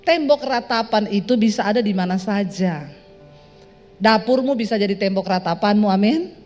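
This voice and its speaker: A woman pastor preaching a sermon in a lively, joking way, speaking straight to her congregation. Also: medium pitch, moderate pace. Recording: reverberant hall with soft music.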